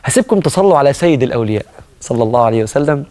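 A man with an Egyptian Arabic accent giving an earnest religious talk, moving between loud emphasis and soft low asides. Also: lively intonation, rapid-fire. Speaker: preacher.

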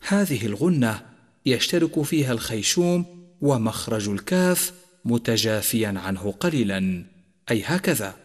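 A man gives a Quran recitation lesson in a steady, mid-pitched voice, explaining each rule step by step. He stretches the example words out in slow, melodic recitation. The recording carries a long reverberant tail. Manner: recites verses slowly and melodically, explains rules in measured voice. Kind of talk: tajweed lesson.

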